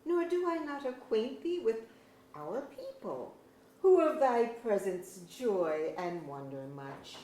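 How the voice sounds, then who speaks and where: A woman voices a friendly, doting elf ambassador befriending a captive, her slightly high voice swooping slowly as she makes an earnest appeal in expressive, archaic language. It's a live staged reading of pseudo-Elizabethan verse drama in a museum auditorium, recorded with echo and background hiss.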